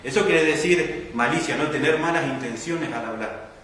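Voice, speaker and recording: Speaking at a moderate pace in a fairly high, fairly bright voice, an Argentine-accented man preaches in a church hall. He teaches patiently, often asking the congregation questions and tagging lines with "¿no?", captured echoey and from a distance.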